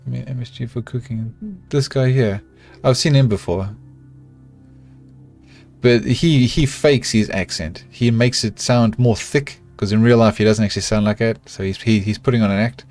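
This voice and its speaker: Soft music plays behind a game streamer, a middle-aged man with a South African accent, who speaks at a moderate pace in a medium pitch. He chats casually with viewers during a colony-building session, often talking to himself while he builds.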